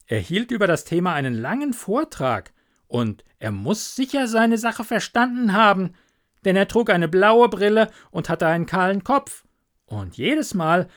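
A man's voice: high-pitched, pitched above the performer's own voice. A man voicing a conceited, know-it-all male water rat in a storybook reading, speaking in a snooty, lecturing way.

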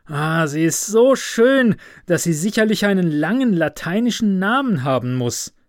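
A man voicing an impulsive, self-absorbed young student in a fairy tale, with loud, excited exclamations. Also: a little high, a little slow, dry recording, clean studio sound.

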